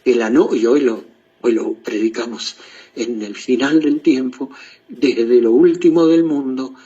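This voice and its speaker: An Argentine man preaches with a husky, dark tone, quoting scripture in emotional bursts and sinking to near-hushed lines. The recording is dull and muffled. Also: mid-range voice. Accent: Argentine Spanish. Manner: emotional, pausing preaching with swings in loudness. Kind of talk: sermon with quoted readings.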